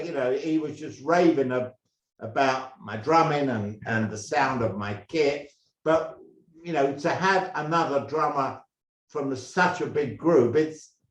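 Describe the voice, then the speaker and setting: An older man from England, a former drummer, telling stories in a halting, rambling way with many restarts. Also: medium pitch. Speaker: guest, former band drummer. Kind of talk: casual interview storytelling. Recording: roomy echo.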